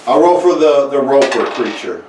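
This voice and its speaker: Halting man running a tabletop game. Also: medium pitch, expressive. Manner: halting, many fillers and restarts. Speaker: game master. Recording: echoey room, mic far off, faint noise.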